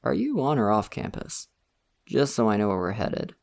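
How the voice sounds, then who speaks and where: A young man plays a friendly, somewhat shy college student in an ASMR roleplay, chatting casually in an easygoing way and laughing often. His voice is fairly low, gravelly and sing-song, soft-spoken at a normal speed.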